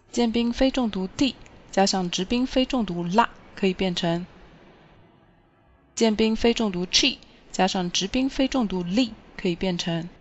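Woman, language teacher, clear step-by-step explaining, mid pitch, dull lo-fi recording. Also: darkish tone.

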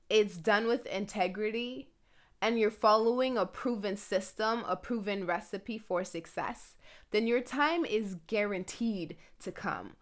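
A young woman hosting a motivational podcast, speaking in an earnest, encouraging way. She is pregnant and a little short of breath, and she slows down to stress key phrases. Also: medium pitch. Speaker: podcast host.

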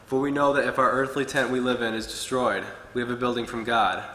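A man's voice: mid-range voice, level tone, fairly quick, bright, forceful tone. A young man preaching a short sermon from a pulpit, earnestly reading from his notes. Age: young adult. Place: church hall with wood-paneled walls. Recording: echoey hall with long reverb.

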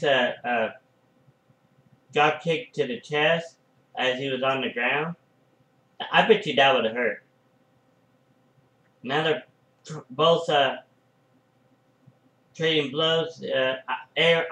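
Excitable man doing slow fan commentary. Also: fairly high pitch, roomy sound, poor audio. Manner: excitable, frequent "oh" and "uh" fillers. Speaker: fan commentating a wrestling match.

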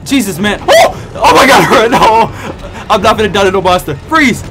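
A young American man giving excitable, trash-talking commentary while he plays a video game. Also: high-pitched, moderate pace, over a noisy crowd. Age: young adult. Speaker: gaming video host. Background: game music and sounds.

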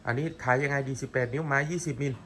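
Fast-talking hype man selling live. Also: medium pitch, steady tone, fairly bright tone. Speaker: host of a second-hand audio gear live sale. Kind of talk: live selling, repeating prices to viewers.

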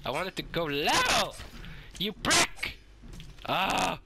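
A sick, hoarse man giving swearing, excitable let's-play commentary and shouting at the game. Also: high-pitched, takes it slowly, very noisy. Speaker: gaming YouTuber.

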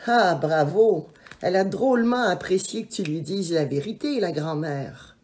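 A woman's voice: lowish voice, expressive, a little slow, a little mellow. A woman voicing a cheeky young boy who speaks in a teasing, exasperated way in a storybook reading. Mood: sarcastic.

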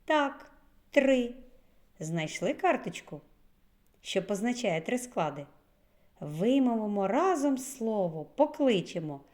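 A woman preschool teacher giving a lesson to small children, saying words slowly with clear stress. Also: a little high, big pitch swings, a little mellow.

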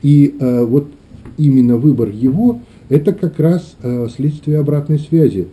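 Male clergyman, middle-aged, very dark soft-edged tone, reflective interview delivery with hesitant phrasing. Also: a little high, measured pace. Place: small meeting room indoors.

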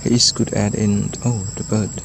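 A man filming in a forest and talking over the footage, in simple, slow English. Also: fairly low pitch, flat delivery, vocal fry. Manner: simple non-native English phrasing, slow and soft-spoken. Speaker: wildlife vlogger filming monkeys. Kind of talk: casual commentary while filming. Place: outdoors in a forest under trees. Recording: outdoor camera audio with forest insect noise.

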